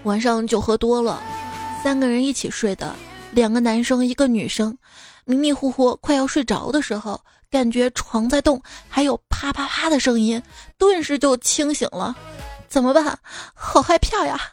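A woman's voice: a little high, normal speed, a little mellow. A woman podcast host reading jokes aloud in a playful storytelling way. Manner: playful storyteller, acts out quoted voices. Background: faint background music.

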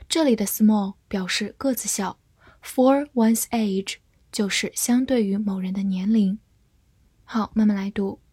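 A woman teaches English vocabulary in a scripted lesson. Her voice sits slightly high with a soft, breathy edge. She moves very slowly and spells out each word. The sound is dry and close. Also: no room sound. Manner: slow, deliberate spelling and repetition of English words.

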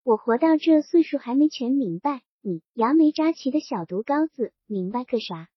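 A domineering, half-drunk middle-aged landlord barks orders and mocks the boy in front of him, voiced by a woman narrator. His lines come out gruff and scornful, though the voice sits high and a little husky. The storybook recording is dull and dry. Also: expressive, normal speed, dry recording. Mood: drunkenly emotional. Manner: gruff, mocking and bossy.

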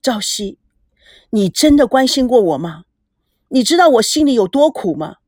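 Young woman, hurt and near tears, high-pitched and loud with it, voiced by a female narrator. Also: big pitch swings, moderate pace, no echo, studio quality. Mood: upset, accusing. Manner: loud, tearful, accusing.

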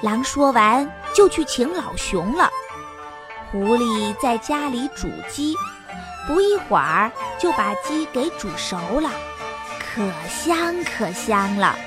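A woman telling a children's story in an animated, sing-song way. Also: a little high, slow. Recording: music playing behind. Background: background music.

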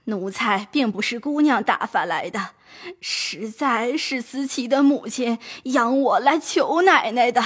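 In an audio drama, a woman plays a servant pleading with her mistress and recounting a long, sad story. Her voice is a little high and slightly rough, and she speaks unhurriedly.

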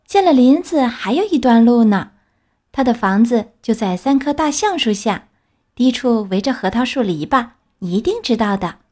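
A woman's voice: fairly high pitch, sing-song, moderate pace, warm tone. A woman voicing a sweet, trusting little girl who asks eager, innocent questions. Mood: cheerful.

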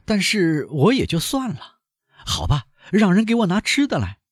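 A man's voice: sits high, wildly swooping pitch, moderate pace, breathy edge, no room sound, clean studio sound, voice pushed up, exaggerated voice. A man voicing a pampered middle-aged banker held captive, pleading and wheedling for food. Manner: wheedling, pleading and put-upon.

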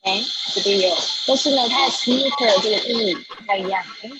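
A woman's voice: medium pitch, brisk, muffled recording, heavy background noise. A woman teaching an online English vocabulary class, reading each word twice and explaining the sounds patiently.

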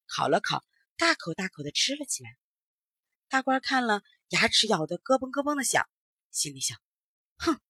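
A woman's voice: medium pitch, bright, forceful tone, breathy edge, dry recording, clean studio sound. A woman narrating a children's story expressively, acting out sounds as she goes.

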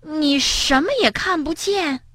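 A woman voicing a gentle young male frog in a storybook, speaking softly with sighs. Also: mid-range voice, expressive, a little slow, no room sound, clean studio sound. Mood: sad. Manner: soft and sighing.

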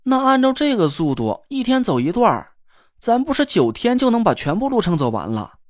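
A man's voice: very high voice, huge pitch swings, a little fast, dry recording, clean studio sound, pitched above the performer's own voice, full character voice. A man voicing a spoiled, sulky young woman who pouts about things ending too soon. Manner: sulky, pouting.

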